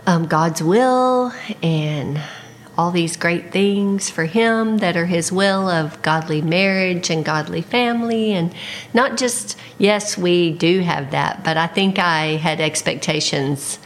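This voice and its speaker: A woman co-hosting a casual chat, warm and chatty, often chiming in with short affirmations. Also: lowish voice, takes it slowly, a little hiss or hum. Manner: chatty, adds short affirmations and finishes his sentences. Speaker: podcast co-host, former missionary.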